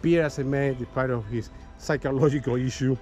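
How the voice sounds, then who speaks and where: A man guiding a walking tour speaks at an ordinary mid pitch in a loose, conversational way. He keeps calling his listeners "guys" and adding "okay" and "right", and he often restarts his sentences. He is recorded outdoors on a city street with faint music in the background. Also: fairly even intonation, a little fast, a little mellow, low-quality recording. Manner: chatty, addresses listeners as "guys", many "okay" and "right" tags; frequent restarts and small laughs. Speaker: tour guide. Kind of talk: casual guided-tour history talk.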